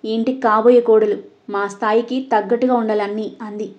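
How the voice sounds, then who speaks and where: A woman reading an audio story aloud, voicing every character's lines in her own voice and getting louder for the dialogue. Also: fairly high pitch, fairly even intonation, brisk, dull audio. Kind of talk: scripted audio story narration.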